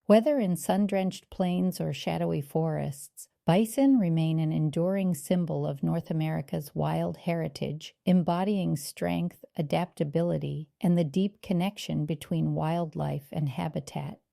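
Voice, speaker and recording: A woman reading scripted nature documentary narration in a measured, earnest and polished way. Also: sits low, vocal fry, mellow, dry recording, studio quality.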